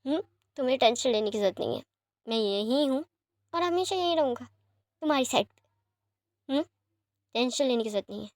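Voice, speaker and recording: A woman's voice: on the high side, animated, dry recording, clean studio sound. A woman voicing a doting, teasing young man who speaks fondly and reassuringly, in a fan-fiction story reading. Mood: soothing. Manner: fond and reassuring, sometimes quick.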